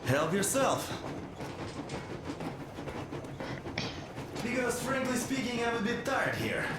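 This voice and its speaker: Wry, weary labourer, animated. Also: male voice, extremely high pitch, moderate pace. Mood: weary, grumbling. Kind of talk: video game dialogue. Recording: very echoey, noisy game audio.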